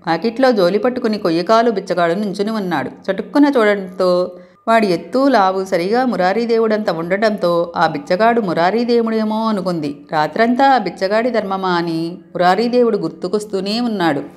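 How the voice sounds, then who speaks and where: A woman reading a romantic story aloud as the channel's storyteller, expressive and voicing the dialogue with feeling. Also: mid-range voice, a little fast.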